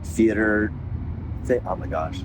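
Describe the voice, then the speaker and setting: A man's voice: fairly low pitch, slow. A man hosting a casual chat, telling stories with energy, recorded outdoors in a park. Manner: animated storyteller, laughs easily. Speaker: host, voice actor. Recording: outdoor recording with clear background noise and traffic.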